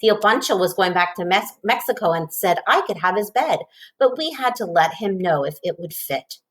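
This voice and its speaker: Reading aloud from a children's storybook, a woman uses a lively narrator's delivery. She speaks at normal speed in a mid-range voice.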